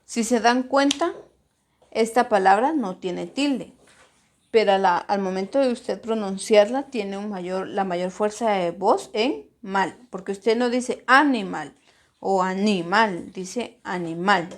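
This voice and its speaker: Slow, patient woman teaching grammar. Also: medium pitch, darkish tone. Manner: slow, deliberate, stresses syllables when modeling words. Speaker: primary school teacher. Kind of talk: recorded grammar lesson.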